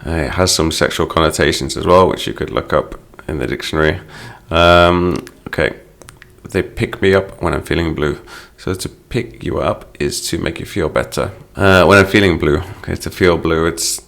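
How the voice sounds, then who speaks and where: Man, very low voice, gravelly, patient, explaining song lyrics as an English lesson. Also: normal speed, hardly any pauses, fairly bright tone. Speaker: English teacher.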